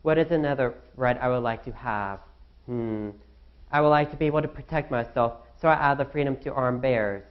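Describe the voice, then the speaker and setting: A man's voice: medium pitch, brisk, highs cut off, lightly acted. A young man playing an anxious founding father in a student skit, fretting aloud to himself. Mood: worried musing. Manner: fretful, talks to himself.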